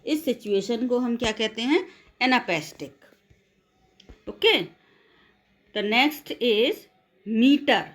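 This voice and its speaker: A woman teacher giving a lecture in a slow, measured way, with a somewhat high voice. She dictates definitions word by word, asks her class a question and then answers it herself. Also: expressive. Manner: slow, deliberate dictation of English definitions, quicker explanations in between; calls students "beta" affectionately. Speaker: English literature teacher. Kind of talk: classroom lecture mixing Hindi and English.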